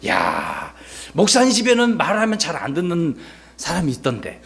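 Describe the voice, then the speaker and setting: A male pastor giving a playful, animated children's sermon, often asking the kids questions. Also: fairly high pitch, moderate pace, creaky.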